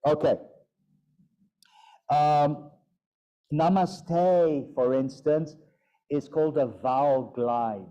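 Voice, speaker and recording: A man's voice: fairly high pitch, extremely slow, long pauses, warm tone. A man teaching a yoga and Sanskrit pronunciation class, playful and demonstrating sounds aloud. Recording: dull lo-fi sound.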